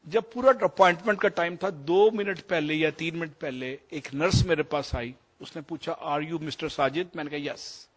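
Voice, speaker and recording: Pakistani man, fifties, slightly high voice, digressive storyteller mixing in English. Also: hardly any pauses. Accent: Pakistani Urdu. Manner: anecdotal, digressive, mixes English phrases. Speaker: doctor sharing experiences. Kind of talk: storytelling talk.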